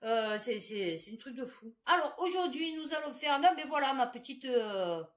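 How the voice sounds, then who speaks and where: A woman's voice: high-pitched, animated, moderate pace. A woman, telling a personal story to the camera in a blunt, crude, chatty way, breaking into laughter often.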